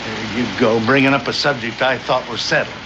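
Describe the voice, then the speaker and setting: A man's voice: mid-range voice, steady tone, brisk, natural voice. An actor playing a scheming, self-interested frontier father in a 1960s TV western, wordy, mock-formal and argumentative. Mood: indignant. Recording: muffled, noisy old TV soundtrack.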